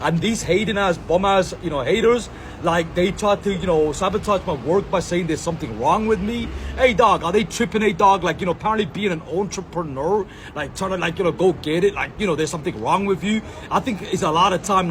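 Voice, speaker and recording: A Sri Lankan content creator films himself outdoors in a public space, rambling through a monologue full of slang, fillers and repeated catchphrases. His voice sits high and brisk, with a little hiss or hum in the recording.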